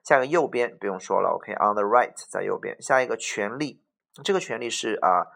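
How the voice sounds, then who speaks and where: Low gravelly male vocabulary teacher. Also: lively intonation, brisk, fairly bright tone. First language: Mandarin Chinese. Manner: chatty, repeats each word, frequent fillers and "OK". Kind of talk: explanatory vocabulary lesson.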